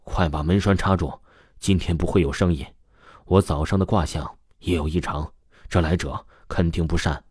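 A man voicing a stern old grandfather who reads fortunes, speaking slowly and gravely in an audio story. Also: low-pitched, fairly even intonation, darkish tone, dry recording, studio quality. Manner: grave, slow, commanding.

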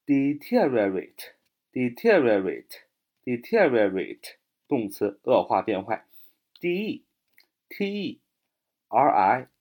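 A man teaching exam vocabulary, spelling each word letter by letter, repeating it slowly, and ending phrases with a drawn-out "ah". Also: medium pitch, breathy edge. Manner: ends phrases with drawn-out "啊" fillers.

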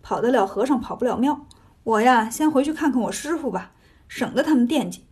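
A cocky male monkey king who mocks his foes and brags about his feats, played by a woman reading a storybook. His voice sits high and husky, quick with jokes. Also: expressive, a little mellow. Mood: teasing. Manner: teasing, swaggering.

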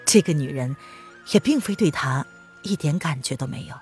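A woman narrating an audiobook in an expressive storytelling read. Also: low-pitched, moderate pace, soft background music.

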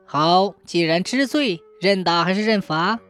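A man's voice: high voice, measured pace, fairly bright tone, clean tone, faint music behind. A woman voicing a stern, shrewd county magistrate who barks his commands. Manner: barking, commanding.

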